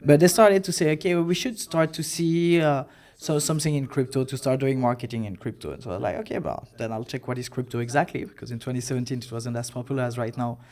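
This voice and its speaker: A man in his thirties from Belgium sits in as a podcast guest. He tells his story in a relaxed, easygoing way, pausing on fillers and acting out what others said. His voice sits at an ordinary middle pitch. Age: 30s. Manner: relaxed storytelling with hesitant fillers and self-quoting. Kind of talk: casual interview chat.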